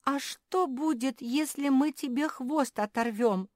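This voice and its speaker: A woman's voice: sits high, slow pace, dry recording, clean studio sound, voice pushed up. A woman voicing a fearful, whining small female dog in a storybook. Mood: whiny. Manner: whining, tearful.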